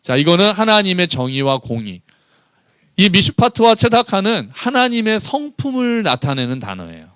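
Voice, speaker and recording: Male pastor, sermon delivery, reads scripture slowly with the congregation, slightly high pitch. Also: big pitch swings, a bit bright, smooth, no echo. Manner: asks the congregation questions and has them read aloud together; slows down to read scripture aloud.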